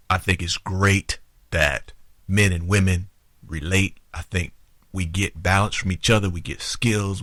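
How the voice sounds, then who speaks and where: A man hosting a talk show, giving relationship advice to women in an animated, informal way and acting out both sides of an argument. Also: sits low, dry recording, studio quality. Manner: informal, conversational, addresses the audience directly.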